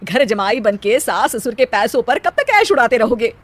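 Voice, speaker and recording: Woman acting a high-voiced, fretting cartoon mother. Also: big pitch swings, moderate pace. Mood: concerned. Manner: earnest, motherly advising. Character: concerned middle-aged mother, gently chiding.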